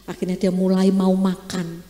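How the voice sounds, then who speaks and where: A woman pastor preaching a sermon, telling stories with lively acted-out quotes. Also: fairly low pitch, moderate pace. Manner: animated storytelling, acting out quoted voices. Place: church hall. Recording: echoey church hall.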